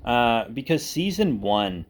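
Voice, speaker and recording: This man, an online video creator and writer, gives viewers a casual, rambling update, talking informally and often correcting himself as he thinks aloud. His voice sits in the mid range with big swings in pitch, and he takes his time.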